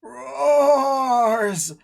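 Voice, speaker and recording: A man voicing a writhing undead creature with a raspy screech in a tabletop game. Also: extremely high pitch, drawn-out words, voice pushed up, heavily acted. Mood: screeching, tormented. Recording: distorted voice cutting out on mic.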